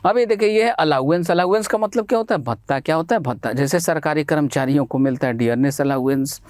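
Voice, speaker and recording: A man's voice: on the high side, fast talker, darkish tone, no room sound, clean studio sound. Indian male teacher spelling words aloud. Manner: asks questions and answers them himself, spells words out letter by letter; addresses students as beta and bhai. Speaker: exam-prep English teacher. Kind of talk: Hindi classroom lecture.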